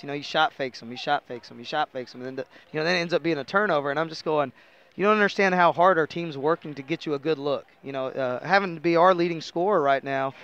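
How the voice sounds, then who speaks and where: A middle-aged American man with a somewhat high, slightly bright voice is heard in dull audio. As a basketball coach in a postgame headset-mic interview at an indoor arena table, he explains things conversationally and keeps dropping "you know."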